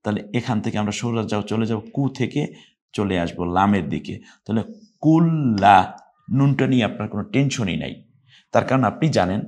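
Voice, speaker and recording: Man teaching Quran recitation, chanting drawn-out words. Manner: explains plainly, then chants the Arabic words slow, high and loud. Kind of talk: spoken tajweed lesson.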